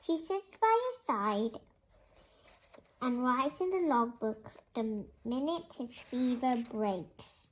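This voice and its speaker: Poor audio captures a child reading a picture book aloud in a medium-pitched voice, slowly and expressively. The presenter chats to young listeners and keeps repeating sing-song greetings.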